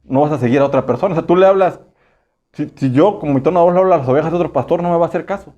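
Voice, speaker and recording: A man with a Mexican Spanish accent preaching a casual, conversational sermon. He keeps asking the congregation rhetorical questions and slips into quick acted voices. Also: fairly high pitch, warm tone, highs cut off. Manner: acts out short voices for humor.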